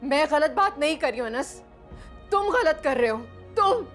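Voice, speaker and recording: An actress with a Pakistani accent playing a grieving young wife who demands justice, speaking with intense, accusing bitterness over music. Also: female voice, on the high side, moderate pace, darkish tone, natural voice. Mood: shouting. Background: drama score underneath.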